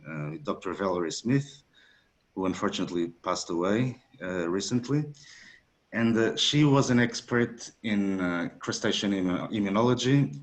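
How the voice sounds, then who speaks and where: Low-voiced man lecturing on a webinar. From Portugal. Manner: measured, hesitant, with many fillers. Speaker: guest speaker. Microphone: video call.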